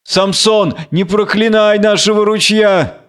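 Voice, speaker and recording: A frail old mother cries out in a high, strained plea, voiced by a man reading a play aloud. Her words come in urgent bursts. The voice stays smooth and clear. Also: measured pace, fairly bright tone. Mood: frantic pleading. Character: older blind mother, frail and pleading.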